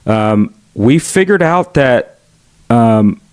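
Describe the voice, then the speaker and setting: A middle-aged American man with a Southern accent tells stories as a podcast guest, outgoing and chatty in a casual, conversational way. His medium-pitched voice is animated yet extremely slow, with a clean tone on a dry recording.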